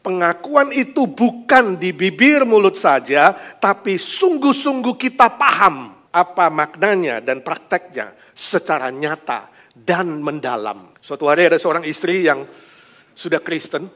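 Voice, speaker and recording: A man preaching a sermon and telling a story, animated, dropping English words into his speech. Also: sits high, a little slow.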